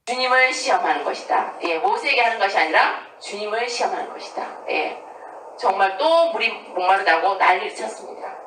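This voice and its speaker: A middle-aged woman, a nun, leading a parish Bible study with a lively, teasing manner, often checking in with her class. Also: mid-range voice, fairly quick, slight background noise. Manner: lively, teasing, keeps asking the class "right?". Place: church hall with a class. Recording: echoey room from a distance.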